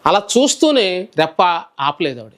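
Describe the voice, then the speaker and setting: A man who is a preacher, telling his personal testimony in a calm, soft-spoken way during an interview. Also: sits high, normal speed.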